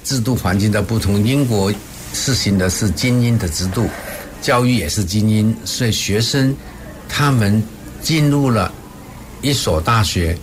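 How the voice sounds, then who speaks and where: An older man, a professor, answering interview questions in a hesitant, halting conversational way. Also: on the low side. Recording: clear background ambient noise.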